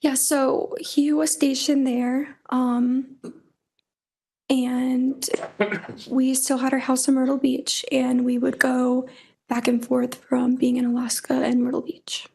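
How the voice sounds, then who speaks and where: High, creaky young woman testifying in courtroom. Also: completely flat delivery, takes it slowly, darkish tone. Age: young adult. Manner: brief, plain, reserved answers.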